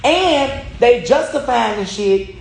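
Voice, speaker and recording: A man's voice: extremely high pitch, expressive, takes it slowly, gravelly. A man in his forties hosting a casual chat over drinks, loose, joking and profane. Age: 40s. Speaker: host. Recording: echoey room with background noise.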